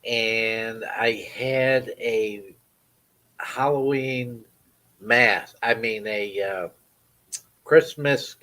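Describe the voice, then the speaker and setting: A man with a Maine accent in casual chat, telling an animated story and laughing, his voice leaping up when amused. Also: lowish voice, extremely slow, long pauses.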